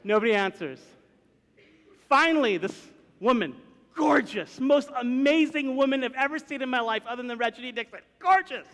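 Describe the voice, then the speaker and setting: A young adult man, a pastor, telling a comic story in a chatty, animated way from the pulpit. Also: extremely high pitch, fairly quick. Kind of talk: storytelling sermon. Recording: reverberant hall.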